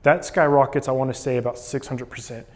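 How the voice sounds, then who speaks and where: A man's voice: medium pitch, steady tone, a little fast. A man talking casually and explaining things in a vlog monologue while sitting in ice cold water. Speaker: vlogger documenting a cold plunge challenge.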